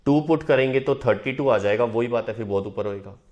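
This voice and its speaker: A man's voice: mid-range voice, fairly quick, a little mellow, lo-fi sound. A man teaching a math lesson at a board, often stopping to check that students follow. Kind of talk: whiteboard lesson.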